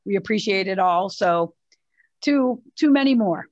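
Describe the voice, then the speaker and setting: A woman's voice: mid-range voice, animated, a little slow, darkish tone, highs cut off. A woman agency executive wrapping up a webinar Q&A in a friendly, businesslike way, with frequent filler words, speaking from a room with a production crew. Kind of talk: casual presentation Q&A.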